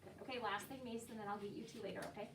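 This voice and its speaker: With a high-leaning voice, mostly even intonation, and rapid-fire speech, an American teacher talks to a class of children about a story read aloud. She prompts them with questions and offers encouragement, captured by a distant microphone in a roomy, noisy classroom.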